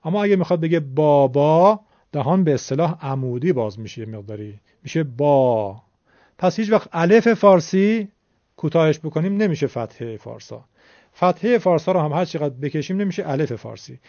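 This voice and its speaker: Male recitation teacher, higher-pitched, dry lo-fi recording, demonstrative vowel drills. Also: animated, darkish tone, no echo. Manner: explanatory, demonstrates sounds by drawing out vowels. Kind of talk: classroom lecture.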